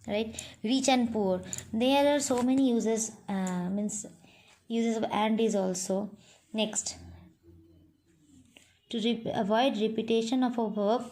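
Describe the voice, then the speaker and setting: A woman's voice: medium pitch, a little mellow. A middle-aged woman with an Indian English accent, teaching a grammar lesson online to children, patient and repetitive with frequent "you know" and "right?".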